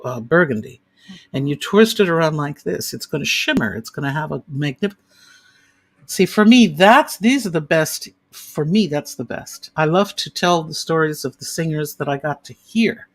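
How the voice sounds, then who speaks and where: Older woman gushing through stories, super animated, lots of vivid imagery. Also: deep voice, normal speed. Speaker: interview guest, opera singer. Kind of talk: casual storytelling chat.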